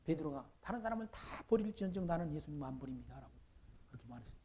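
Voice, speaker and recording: A man delivering a sermon in a somewhat high yet mellow, dark-toned voice. He reads scripture in slow, emphatic phrases and keeps asking his listeners questions. His delivery swings between booming declaration and hushed, almost murmured asides. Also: expressive, a little hiss or hum. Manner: reads scripture aloud slowly and forcefully. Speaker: pastor.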